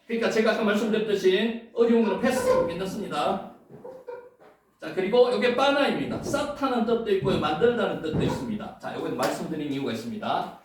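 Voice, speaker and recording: High-voiced male lecturer, lively pitch, booming echo, mic distant, playful and repetitive teaching. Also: fairly quick, noisy background. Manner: playful, repeats words, sometimes chants. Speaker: Bible Hebrew lecturer. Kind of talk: classroom lecture. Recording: echoey room, mic far off.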